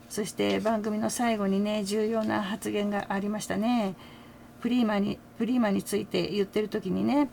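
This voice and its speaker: Older woman, casual fan-channel chat, gravelly, faint background hiss. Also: mid-range voice, darkish tone. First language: Japanese. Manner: chatty, frequent "ne" tags and small laughs. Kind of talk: casual commentary to camera.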